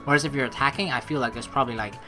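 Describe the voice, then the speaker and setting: This let's play host is a woman whose voice sits extremely low, racing along with a bright, forceful tone. She chats casually, drifts into rambling asides, and reads the game's story text aloud over game music.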